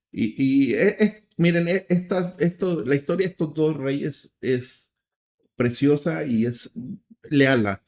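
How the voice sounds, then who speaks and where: A man's voice: mid-range voice, mellow. Mexican man, earnest religious commentary. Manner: earnest, with frequent restarts and fillers. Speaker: program host.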